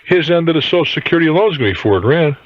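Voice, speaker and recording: On a phone-in money advice show, the host talks in a fairly high, expressive voice at rapid-fire speed. He's unscripted, blunt and argumentative, readily interrupting callers. The sound is roomy, dull, lo-fi radio tape.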